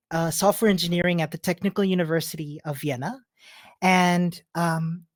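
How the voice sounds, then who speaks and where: Speaking at an online meetup, this software developer from Chile shares a personal story as a conference talk, keeping the tone casual and warm. He has a high voice, recorded cleanly in a studio without any echo.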